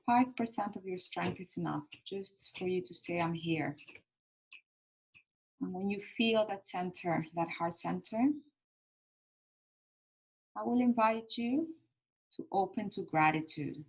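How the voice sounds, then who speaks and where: Slow, calm woman guiding grounding meditation. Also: fairly low pitch, husky, poor audio. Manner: soothing, gently instructive, pausing between short phrases. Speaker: meditation guide.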